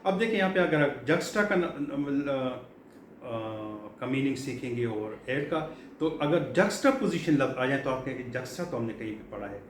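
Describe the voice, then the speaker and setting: This middle-aged Pakistani teacher speaks at a medium pitch with an expressive delivery. He lectures a class on English vocabulary, patiently going over key words again and again with frequent fillers, recorded in an echoey space with faint hum.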